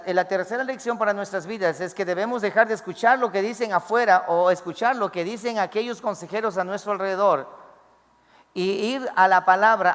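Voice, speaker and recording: A man's voice: high-pitched, a bit bright, big-room sound. A man preaching a sermon as pastor, acting out pleading prayers in a raised voice.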